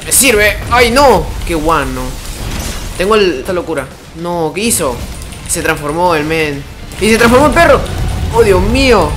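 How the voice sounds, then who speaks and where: Excitable man doing game commentary. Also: fairly high pitch. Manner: excitable, yelps and exclaims at game events. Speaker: gaming streamer. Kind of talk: live gameplay commentary.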